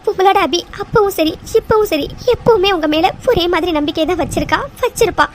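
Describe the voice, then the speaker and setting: A woman voicing a devoted young wife in a cartoon serial, pleading softly through tears. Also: extremely high pitch, a little fast, slight background noise. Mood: tearful. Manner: tearful, soft and respectful pleading.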